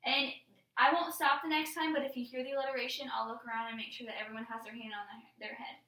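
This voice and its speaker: Bright, high-voiced woman teaching class. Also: level tone, quick pace. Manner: patient, explaining step by step. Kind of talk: classroom lesson. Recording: roomy classroom, mic far off.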